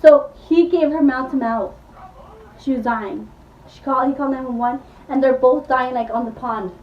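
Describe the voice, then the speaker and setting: A woman's voice: high-pitched, moderate pace, far from the mic, slight background noise. A woman vlogger casually retelling a movie plot, rambling with lots of "like" and acting out the characters' lines. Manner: rambling, full of "like", acts out quotes. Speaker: beauty vlogger. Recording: echoey room, voice from off-mic, dull sound.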